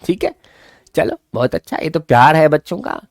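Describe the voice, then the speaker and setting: Guy teaching english live online, quick and lively, slows way down on the example sentences, dry close mic. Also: fairly high pitch, vocal fry, no echo. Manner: lively, talks fast, then slows right down to spell out English example sentences. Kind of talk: live online grammar class.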